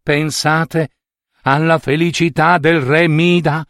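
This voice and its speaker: A man narrating a story in an expressive way, speaking directly to his listeners. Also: a little high, slow, no echo.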